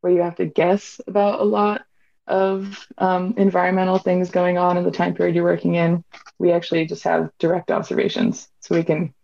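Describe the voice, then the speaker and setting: A woman from Hawaii in her twenties, a PhD student, speaks about her research in casual interview talk, chatty and peppered with "like." Her voice is lowish and flat with vocal fry, a little mellow, at normal speed, on a dull lo-fi recording.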